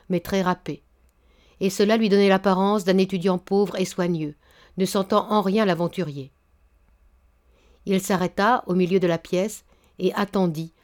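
A woman narrating a classic story aloud in a measured, even way. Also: medium pitch. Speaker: audiobook narrator. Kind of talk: scripted narration.

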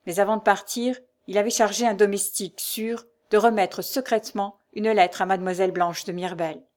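Woman narrating a classic novel. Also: mid-range voice. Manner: measured, expressive reading. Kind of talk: literary audiobook narration.

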